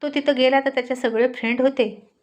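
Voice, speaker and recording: A woman narrating a serialized romance story in steady storytelling style. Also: sits high, a little fast.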